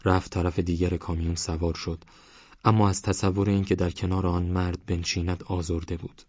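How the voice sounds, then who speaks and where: Very deep-voiced male audiobook narrator. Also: little pitch movement, no echo. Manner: measured literary reading, softening on description. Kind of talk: scripted narration. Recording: slightly muffled, soft music behind.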